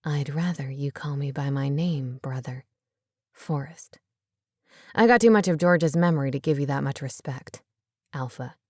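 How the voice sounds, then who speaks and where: A woman's voice: sits low, lively intonation, a little fast, a little mellow, no echo, clean studio sound, voice pushed down. A woman reading aloud voices a bitter, angry man who speaks through clenched teeth. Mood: resentful.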